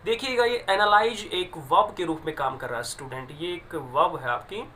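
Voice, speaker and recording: Guy teaching english, bright sharp voice, slow careful reading, keeps fixing pronunciation. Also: on the high side, slight background noise. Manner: explains English lines in Hindi, stresses pronunciation. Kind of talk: classroom lesson explaining a poem.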